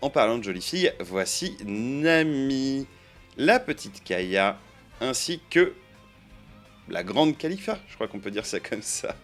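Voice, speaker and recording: A man talks his viewers through a pack opening in a casual, joking way, counting out each card as he goes. His pitch sits in an ordinary middle register. Faint music plays underneath his voice. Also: sing-song, unhurried, a bit bright. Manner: chatty and playful, counting out cards and joking to viewers. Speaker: card-opening video creator. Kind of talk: casual commentary while opening card boosters.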